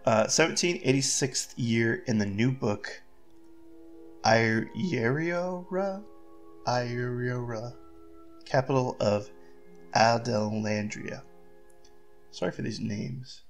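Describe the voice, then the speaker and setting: A man giving relaxed commentary over a story game, quietly apologizing for the hard names. His voice sits in a middle register, with faint music underneath. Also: mid-range voice, unhurried, creaky. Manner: offhand, apologetic asides. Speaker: game streamer. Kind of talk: casual let's-play commentary.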